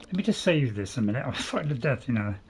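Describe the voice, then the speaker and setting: A man's voice: medium pitch, sing-song, fast, slight background noise. A man giving casual gameplay commentary in a hesitant, chatty, repetitive way. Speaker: game streamer.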